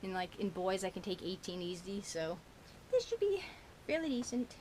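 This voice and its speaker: A woman's voice: medium pitch, big pitch swings, moderate pace, mellow, slight background noise. A woman vlogger chatting casually about her shopping haul, giggling often and rambling with lots of fillers, her tongue a little burnt. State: burnt tongue, slightly slurred. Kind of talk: casual rambling chat to camera.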